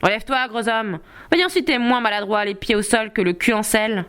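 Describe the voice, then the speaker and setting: Une femme qui joue un jeune chevalier insolent. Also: female voice, fairly high pitch, a little fast, fairly bright tone, clean tone, lightly acted. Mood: taunting. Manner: taunting, cheeky. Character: cocky young male knight, insolent and quick.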